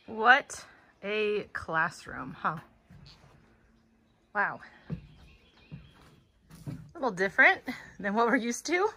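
A woman's voice: mid-range voice, very animated, slow pace, long pauses, bright, forceful tone. A woman giving a casual, chatty walking tour of an outdoor school, a bit out of breath, exclaiming at what she finds. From United States. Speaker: vlogger touring a school. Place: outdoors at a wooded farm school.

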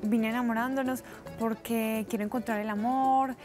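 A young Colombian woman of eighteen speaks with a Colombian accent in a slightly high voice. She talks calmly and thoughtfully, and music plays clearly underneath. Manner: calm, measured, reflective. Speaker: show contestant. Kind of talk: self-introduction to camera. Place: studio set with heart decorations. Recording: clean with music behind.

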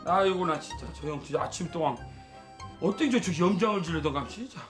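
A man's voice: a little high, animated, quick pace, over music, close to an everyday voice. An actor in a sitcom playing a man with a Jeju accent who brusquely waves someone off. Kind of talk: sitcom acting in Jeju dialect.

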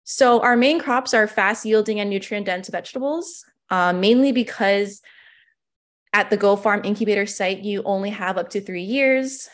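A woman's voice: medium pitch, moderate pace. A woman in her twenties from Hawaii, a small farm owner giving a conference presentation over a video call, talking casually with many fillers. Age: 20s.

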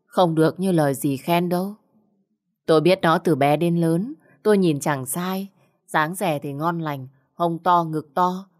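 A woman's voice: fairly low pitch, measured pace, a little mellow, lightly acted. A woman voicing a sly, evasive middle-aged man who is head of the household in a storybook. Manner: wheedling, evasive.

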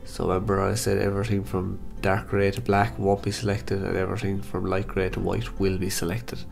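A man with a blocked-up, nasal voice from hay fever, calmly talking through a software photo-editing tutorial step by step. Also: sits low, brisk, creaky, faint music behind. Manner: calm step-by-step instructions. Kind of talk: screen-recorded software tutorial.

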